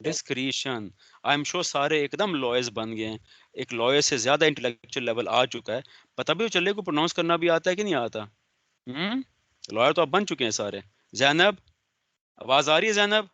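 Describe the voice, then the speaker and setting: A man's voice: a little high, lively intonation, moderate pace, sharp tone, no echo. A male business law lecturer, giving an online class, stern and sarcastic as he calls on students by name. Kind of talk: online lecture, scolding and explaining.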